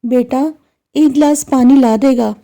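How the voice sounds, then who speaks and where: Storybook figure: elderly mother, played by a woman storyteller, gentle yet firm, on the high side. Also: a little slow. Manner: soft and patient, turning to firm lecturing. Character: patient older mother, calm then scolding.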